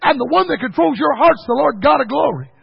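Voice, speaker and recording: A man's voice: extremely high pitch, lively intonation, a little fast, creaky, no echo. An older man preaching a revival sermon, with folksy storytelling and calling the congregation son and buddy. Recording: dull lo-fi sound.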